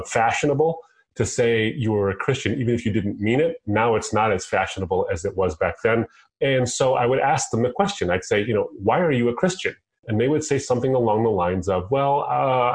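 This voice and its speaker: Low-voiced man telling his story. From United States. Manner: earnest storytelling, quotes himself in asides. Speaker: guest. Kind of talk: conversational interview. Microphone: phone line.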